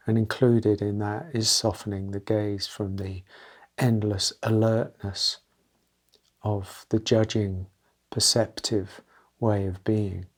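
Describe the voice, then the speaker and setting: Speaking in a voice on the low side, a man guides a meditation unscripted, gently offering short, halting phrases with pauses in between.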